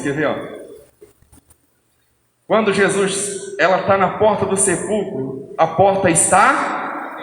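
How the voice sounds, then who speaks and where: A man preaching a fervent sermon to a church congregation, often shouting. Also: high voice, slight background noise. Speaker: pastor. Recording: echoey church hall, crowd.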